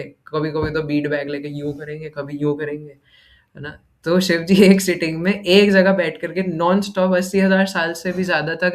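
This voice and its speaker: A man with a fairly high-pitched voice leads a relaxed scripture class. He talks in a loose, chatty way and keeps tagging questions onto the ends of his points. Now and then he slips into recited verses. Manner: keeps asking "है ना?" as a tag question; mixes in English words and recites verses. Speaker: devotional class speaker.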